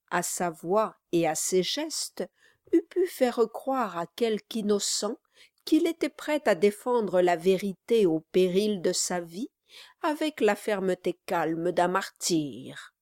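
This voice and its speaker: A woman narrating a classic novel in a measured, literary storytelling manner. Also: medium pitch, animated, a little mellow, dry recording, studio quality. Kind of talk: scripted audiobook narration.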